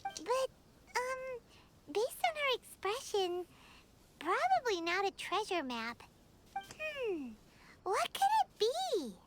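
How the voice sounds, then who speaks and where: Paimon, a squeaky tiny companion. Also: female voice, very animated, slow pace, pauses often, a little hiss or hum, exaggerated voice. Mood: chatty. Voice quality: squeaky, chirpy, talks about herself in third person. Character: tiny excitable floating girl companion. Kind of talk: game voice acting. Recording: game audio with music behind.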